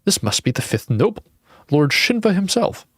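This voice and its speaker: A man's voice: high voice, very animated, normal speed, breathy edge, no echo, studio quality. A young man reading a text adventure game aloud, breaking off into blunt casual asides. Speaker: game streamer.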